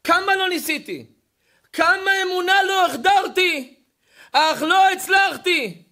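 A man voicing an old grieving father who speaks slowly and sorrowfully of his shame. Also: very high-pitched, animated, sharp tone, voice pushed up, full character voice. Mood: lamenting. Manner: slow, lamenting.

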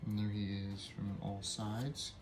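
A young man with a lowish voice and measured pace casually reviews a toy he built, talking through the build step by step in a relaxed way. He slips in small asides and self-corrections, while clear music plays behind him in an indoor room.

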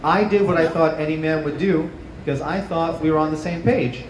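Stand-up man on a rooftop stage. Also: a little fast. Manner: animated, rising to high yelps on punchlines. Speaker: stand-up comedian. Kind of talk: stand-up comedy set. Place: small outdoor rooftop stage with plants. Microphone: handheld mic. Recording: distant camera, roomy echo, noisy ambience. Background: live audience laughter.

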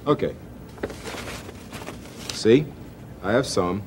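A man hosting a children's TV show, gently and expressively reading a story aloud to children. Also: on the low side, expressive, extremely slow, a little hiss or hum. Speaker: children's TV host.

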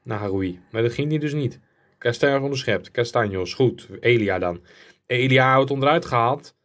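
Young male gaming creator, mid-pitched voice, rambling live play-by-play over his own match. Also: moderate pace. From Netherlands. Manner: rambling play-by-play, rising excitedly at goals. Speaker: gaming YouTuber. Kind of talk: live game commentary.

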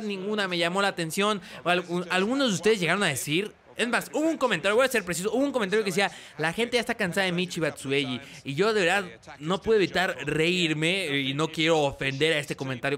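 Young guy narrating his soccer game career mode, bright voice, gets loud and hyped on the chances. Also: high-pitched. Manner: excitable play-by-play, rising to loud calls on goals. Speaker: gaming YouTuber. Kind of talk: career mode gameplay commentary.

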